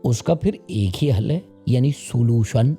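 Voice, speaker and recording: A man's voice: mid-range voice, animated, mellow, faint music behind, natural voice. A man voicing a small male bird who patiently explains things to his wife.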